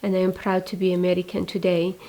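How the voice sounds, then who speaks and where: A woman in her forties from Iraq, a religious sister giving a hesitant, reflective testimony with many pauses. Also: on the low side, completely flat delivery, rough recording. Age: 40s. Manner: soft-spoken, hesitant with many fillers. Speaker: religious sister, community founder.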